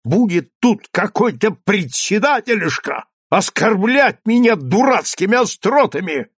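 A man's voice: fairly high pitch, lively intonation, takes it slowly, no echo, clean studio sound, pitched above the performer's own voice. A man voicing a hot-tempered male village schoolteacher in an audiobook, heated and mocking. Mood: furious. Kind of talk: audiobook character reading.

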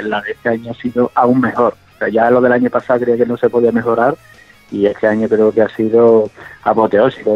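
A man from giving casual sports commentary as a podcast co-host. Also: mid-range voice. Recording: tinny phone-like call, music behind. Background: music.

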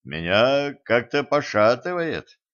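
A man's voice: medium pitch, very animated, takes it slowly, fairly bright tone. A man reading the lines of a battered male boxer, Koschei, with dry, curt wisecracks. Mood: wry. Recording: dull lo-fi recording.

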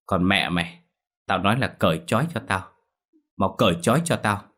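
A man voicing a young man possessed by a spiteful ghost, speaking in a thin, eerie rasp in a storytelling narration. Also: low-pitched, normal speed, a bit bright. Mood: angry. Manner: wheedling then cursing.

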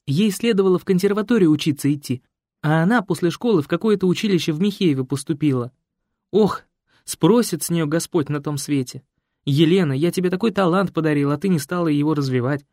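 A man's voice: on the high side, brisk, darkish tone, no echo, pitched above the performer's own voice, lightly acted. An eager, chatty young village woman, as a male audiobook reader puts her on, lifting his voice well above his own. She talks earnestly and a little pleadingly, recorded close and dry. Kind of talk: audiobook character voice.

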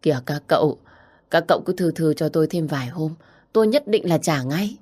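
A woman's voice: low-pitched, lively intonation, a little fast, warm tone. A woman voicing a desperate middle-aged mother in debt, who pleads with her daughter in a tearful voice. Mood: begging.

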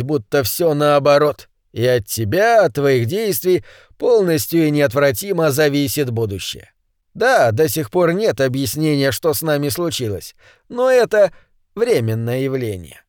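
A man voicing a calm, reflective man who speaks in a measured, gently ironic way. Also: a little high, dry recording, clean studio sound.

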